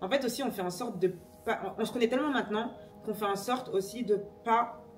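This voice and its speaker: A young woman from Senegal chatting casually in a travel vlog, lively and quick to laugh and argue. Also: on the high side, far from the mic, soft background music. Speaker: vlogger.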